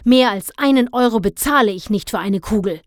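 A woman's voice: on the high side, a little fast, dry recording, clean studio sound, pitched above the performer's own voice, lightly acted. A woman voicing a grumpy, stingy middle-aged father who scolds indignantly. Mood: grumbling.

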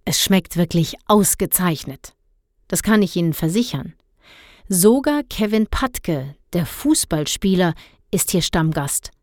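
A woman voicing a polite, calm male ice cream seller who speaks courteously and formally in a storybook reading. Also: fairly low pitch, a little slow, no echo, studio quality.

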